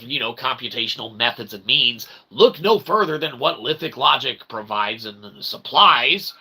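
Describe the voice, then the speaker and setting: A gravelly, medium-pitched man runs his own channel and talks to camera in a meandering, humorous philosophical monologue. He leans on tangled, faux-formal sentences, repeats himself, and swears casually, all over noticeable background noise.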